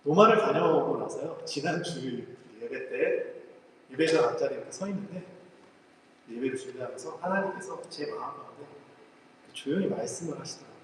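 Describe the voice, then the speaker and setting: A man preaching a sermon in a church sanctuary, earnest and reflective, letting phrases fall soft and slowing down for emphasis. His voice sits a little high for a man and rings out in a big, echoing hall. He sounds a bit far from the mic, with faint room noise underneath. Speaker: pastor. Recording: roomy hall echo, mic at a distance.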